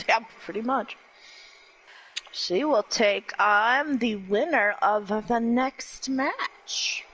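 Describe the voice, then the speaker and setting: A co-commentator on a simulated wrestling match who often murmurs agreement and explains the rules in a relaxed way. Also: mid-range voice, slow, highs cut off. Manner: laid-back, agreeable, with many short murmured acknowledgments.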